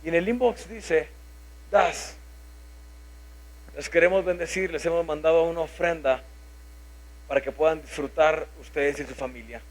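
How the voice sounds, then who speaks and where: A man in his thirties with a Mexican Spanish accent, preaching a sermon, telling a personal story and acting out his own thoughts. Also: a little high. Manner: animated, acts out his own inner voice.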